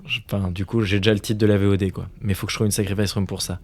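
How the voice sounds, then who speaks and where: A man's voice: lowish voice, level tone, very fast, a little mellow. A man in his thirties streaming a game, exasperated and swearing often, now and then dropping to a muttered whisper. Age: 30s. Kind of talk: casual gameplay commentary.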